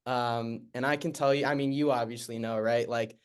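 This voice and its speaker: A man co-hosting a sports podcast, asking long questions in a hesitant, halting way. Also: medium pitch, fairly even intonation, clean tone. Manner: hesitant, many "uh" and restarts while asking. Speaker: podcast co-host.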